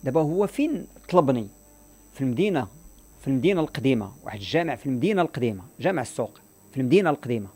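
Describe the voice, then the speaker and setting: A man's voice: mid-range voice, very animated, very fast, darkish tone. A man with a Moroccan accent in impassioned radio talk, emphatic and moralizing, repeating his points. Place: radio studio.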